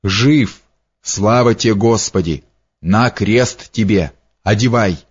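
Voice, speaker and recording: A man's voice: on the low side, takes it slowly, husky. A man voicing a blunt, grumbling, superstitious male servant, in a dull lo-fi audiobook recording. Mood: relieved.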